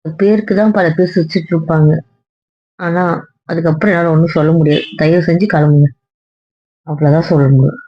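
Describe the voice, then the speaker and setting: A woman with a lowish voice speaks in a firm, cutting way in an amateur web drama. The sound is dull and lo-fi, recorded close and dry. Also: fairly even intonation, fairly quick, pauses often, dry recording. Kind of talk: amateur web series acting.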